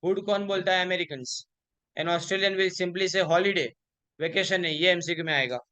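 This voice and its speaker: A man teaching an exam revision lecture, asking questions and answering them himself, and reading English examples slowly. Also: high-pitched, a bit bright. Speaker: college lecturer.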